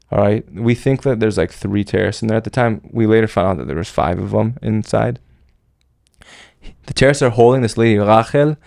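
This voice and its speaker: Gravelly low-voiced man telling a war story. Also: darkish tone, no room sound, clean studio sound. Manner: slangy, rambling, full of "like" and "bro". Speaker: podcast guest recounting military service. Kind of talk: casual storytelling.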